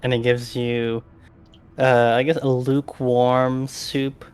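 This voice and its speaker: A man's voice: mid-range voice, flat delivery, takes it slowly, darkish tone, clean tone. A man running a tabletop game, improvising narration and character lines in a hesitant way. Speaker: game master.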